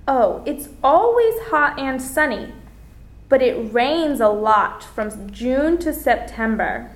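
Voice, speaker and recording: High-voiced American woman reading slowly. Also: sing-song, roomy sound. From Florida, United States. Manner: slow, carefully articulated, as if for learners. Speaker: lesson presenter. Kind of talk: scripted language-lesson dialogue.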